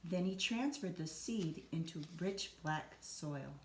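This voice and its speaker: A woman with a fairly low voice reads a children's story aloud, using an expressive, deliberate storytelling style. The room gives a noticeable echo, and some background noise is present.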